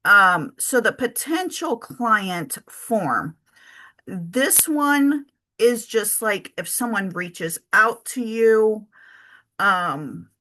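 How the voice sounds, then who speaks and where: A woman talks through a spreadsheet in a relaxed tutorial, taking her time and filling pauses with ums. Her voice is bright and forward, and she corrects herself as she goes, like someone thinking out loud. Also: medium pitch. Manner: chatty, thinks aloud with many ums and self-corrections. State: has the hiccups. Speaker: travel business owner teaching spreadsheets. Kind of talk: casual screen-share tutorial.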